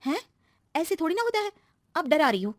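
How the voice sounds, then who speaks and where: A woman's voice: very high voice, a little fast, no room sound, studio quality, voice pushed up. Woman doing a chatty young wife. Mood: excited. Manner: excited, talkative. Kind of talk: cartoon story voice acting.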